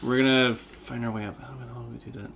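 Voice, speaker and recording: A man's voice: medium pitch, steady tone, fast talker, vocal fry, fairly bright tone, slight background noise. A young man casually commenting on gameplay with a friend, rambling and self-deprecating. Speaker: let's play co-host and video editor.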